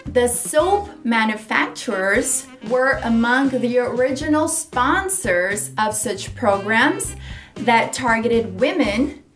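A Brazilian woman teaching English pronunciation, cheerful, laughing often and repeating words slowly. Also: on the high side, expressive, soft background music. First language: Portuguese. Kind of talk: bilingual pronunciation lesson.

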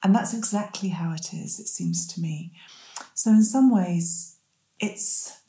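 Woman with soft Rs, sounding like W. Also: fairly low pitch, a little slow, reverberant, low-quality recording. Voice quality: says w for r, cannot pronounce R clearly. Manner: thoughtful, self-deprecating, hedging. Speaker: interview guest, medical ethicist. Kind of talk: reflective conversational interview.

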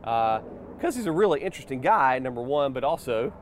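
A man's voice: medium pitch, sing-song, a little fast, a little hiss or hum. A man hosting a casual interview show, recorded outdoors in a backyard.

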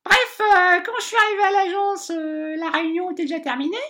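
A woman's voice: very high-pitched, steady tone, a little fast, sharp tone. An actress playing a hapless, scatterbrained female bank adviser in a comic monologue, rambling and hesitant with constant filler sounds.

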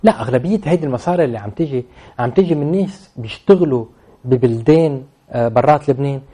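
A man with a Lebanese Levantine Arabic accent speaks off the cuff as an interview guest commenting on real estate. He talks fast in a mid-range voice with a dark tone, emphatically repeating phrases to drive home his points.

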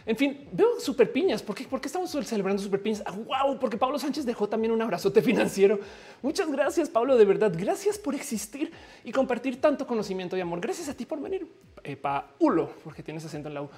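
Una mujer con acento mexicano que conduce un directo en línea, charlando de forma informal y bromista, con muchas muletillas y frases que arranca de nuevo. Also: female voice, fairly high pitch, sing-song, fast talker, dark tone. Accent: Mexican Spanish. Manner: chatty, joking, many fillers and restarts. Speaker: livestream host. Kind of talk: casual live-stream chat.

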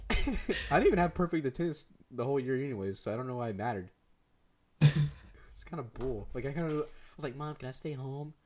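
A man's voice: medium pitch, animated, a little fast, a little mellow, a little hiss or hum. A teenage boy co-hosting a podcast, telling rambling stories with lots of laughs and "dude". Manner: rambling, laughs often, says dude a lot. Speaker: podcast co-host. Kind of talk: casual chat.

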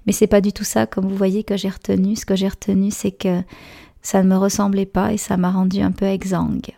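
A woman podcast host with a Quebec French accent talks in a hoarse, gravelly voice full of fry. Her tone is mellow and soft-edged, at a middling pitch. She speaks casually and reflectively, often pausing to find the right word. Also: monotone. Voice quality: raspy, gravelly voice recovering from voice loss. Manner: hesitant, reflective, searching for words. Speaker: podcast host and meditation teacher.

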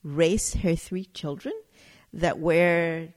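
A woman's voice: on the low side, fairly even intonation, slow pace, darkish tone. A woman from Chile, a winery owner chatting as an interview guest, telling stories and searching for words as she goes. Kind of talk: casual interview chat.

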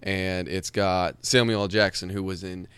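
A laid-back man rambling on a podcast, swearing casually as he talks. His voice is on the low side and smooth. The sound is dry and close to the mic. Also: level tone, normal speed, a bit bright, dry recording. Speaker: podcast co-host. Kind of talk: casual chat.

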